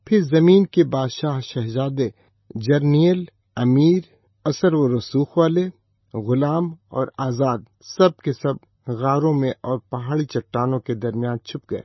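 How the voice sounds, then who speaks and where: A man with a husky voice reading scripture aloud in a measured, solemn manner. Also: mid-range voice, no room sound. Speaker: scripture reader. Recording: dull, slightly lo-fi dry recording.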